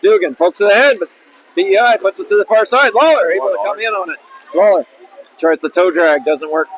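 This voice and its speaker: A man giving live play-by-play on an ice hockey game in rapid, clipped calls that rise on the big chances. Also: high-pitched, rough recording. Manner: rapid, clipped calls of each pass, rising on shots. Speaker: play-by-play commentator.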